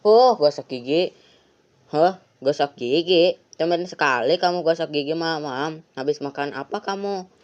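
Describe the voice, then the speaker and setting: A woman's voice: low-pitched, a little slow, darkish tone. A woman voicing a worried mother who scolds and fusses, on a lo-fi recording. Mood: scolding. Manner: scolding, fussing. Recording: lo-fi, dull sound.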